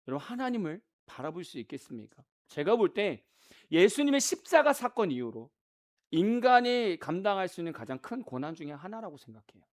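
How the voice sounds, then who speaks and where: A male pastor preaching a sermon in an animated way, often asking the congregation questions. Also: on the high side. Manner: animated, acts out quoted voices, rhetorical questions to the congregation.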